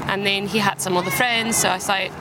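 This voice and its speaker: A young woman from Spain with a British English accent chats easily as an interview guest in a city park, laughing often. She speaks briskly at medium pitch with fairly even intonation, and outdoor street noise can be heard.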